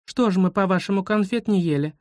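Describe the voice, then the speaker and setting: A man's voice: high-pitched, fast, a little mellow, no room sound, clean studio sound, voice pushed up, natural voice. A man doing a know-it-all schoolgirl. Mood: dismissive. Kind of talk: storybook reading.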